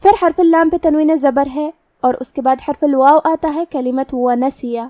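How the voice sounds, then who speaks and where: A woman teaching Quran recitation rules, explaining each letter methodically and reciting verses slowly and drawn out. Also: sits high, steady tone, warm tone, no room sound, studio quality. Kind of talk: tajweed lesson with slow recitation.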